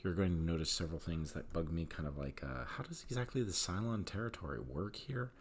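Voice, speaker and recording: A man's voice: low voice, expressive, fairly quick. A man giving a casual, rambling spoken review of a TV episode, candid and opinionated, with many fillers.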